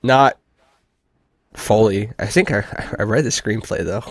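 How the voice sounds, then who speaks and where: A man co-hosting a casual podcast, dry and joking, with halting restarts. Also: lowish voice, dry recording. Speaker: podcast co-host. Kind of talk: casual chat.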